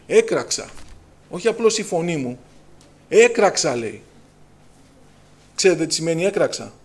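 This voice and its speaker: Fervent high-voiced male preacher. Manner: fervent, preacher's call-and-response, raises voice on scripture. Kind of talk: Pentecostal sermon.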